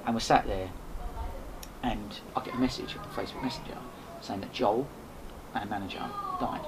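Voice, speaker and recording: A man's voice: fairly low pitch, normal speed. A man, a podcast host appearing as a guest, telling a rambling casual story full of restarts and swearing. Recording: noisy background hiss.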